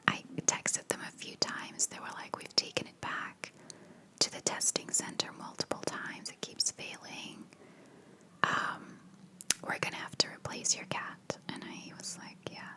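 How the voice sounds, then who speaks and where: A woman whispering in a hushed voice, chatting casually in a rambling ASMR style. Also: a little slow. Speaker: ASMR video creator.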